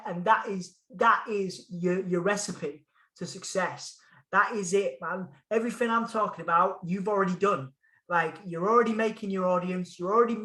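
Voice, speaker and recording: A man's voice: sits high, bright, forceful tone. Emphatic Hull man in an echoey room. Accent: Hull English. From Hull, England. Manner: enthusiastic, emphatic, repeats phrases for stress. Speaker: podcast guest. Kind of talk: casual interview chat.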